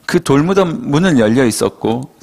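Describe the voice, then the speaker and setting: A male pastor preaching a sermon as lively storytelling full of rhetorical questions. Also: mid-range voice, moderate pace, gravelly.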